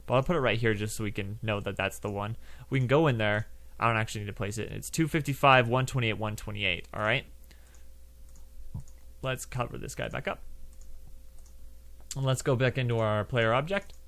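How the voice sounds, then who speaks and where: A young man hosts a casual, screen-recorded game coding tutorial, talking loosely into a desk mic at his computer while keyboard typing sounds behind him. His mid-range, fairly bright voice moves at a moderate pace with frequent pauses. He's chatty, full of fillers and asides, and plays laser noises.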